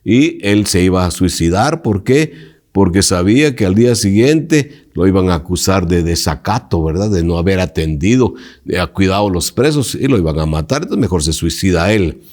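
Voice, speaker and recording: A man's voice: low voice, animated, normal speed, a little mellow. A male pastor teaching a Bible lesson, emphatic and preacherly, putting direct questions to his listeners.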